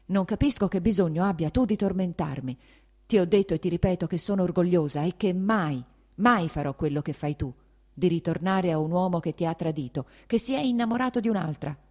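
A woman's voice: lowish voice, expressive, fairly quick, warm tone. A woman voicing a young, proud and hurt woman who answers sharply and with agitation in a raised voice. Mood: furious.

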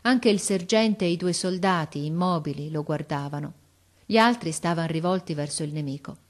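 A woman narrating a storybook in a calm, measured way. Her voice sits on the low side, and her reading is clear and expressive.

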